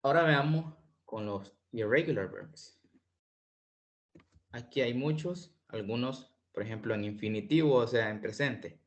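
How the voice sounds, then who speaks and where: A man teaching an online English lesson, explaining slowly and repeating words for pronunciation. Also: medium pitch, dull audio.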